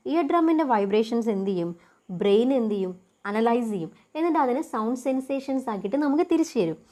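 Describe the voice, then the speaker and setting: A woman's voice: fairly high pitch, darkish tone. Woman teacher quizzing herself aloud. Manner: asks and answers her own questions; reads English definitions slowly. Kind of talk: lecture explaining a topic.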